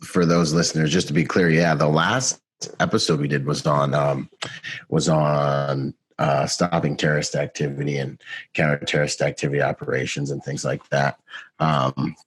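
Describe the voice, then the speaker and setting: A man's voice: very deep voice, little pitch movement, moderate pace, husky. A man hosting a podcast interview, casual and laid-back, often tossing in "man". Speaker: podcast host.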